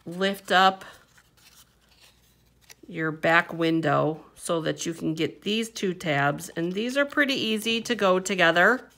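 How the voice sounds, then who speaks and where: A woman walks through a paper craft at her table in a relaxed, chatty way, filling pauses with little fillers and hums. Her voice sits a bit low but sounds bright and clear. She talks slowly and takes her time over each step. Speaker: papercraft instructor. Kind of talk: hands-on craft tutorial.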